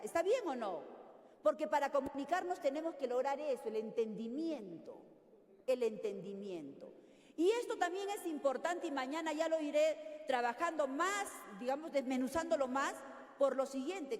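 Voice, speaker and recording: An older woman from Peru leading a teacher workshop, lively and constantly checking in with her audience. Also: sits high. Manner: animated, questioning audience often. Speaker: teacher trainer. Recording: echoey hall.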